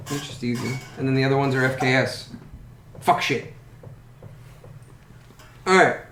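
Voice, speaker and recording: A man's voice: medium pitch, unhurried. A man running a tabletop game as game master, talking casually, bluntly and with lots of swearing. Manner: profane, blunt, animated. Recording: echoey room with faint noise.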